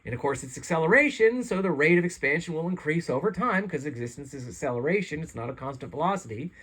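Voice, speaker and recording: A man's voice: on the high side, expressive, quick pace, a bit bright, slightly rough. A congested man reading his own essay aloud in an earnest, rambling, self-deprecating way, then signing off casually. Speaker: channel host reading his own article. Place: seated in a chair. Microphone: home microphone, some chair rubbing.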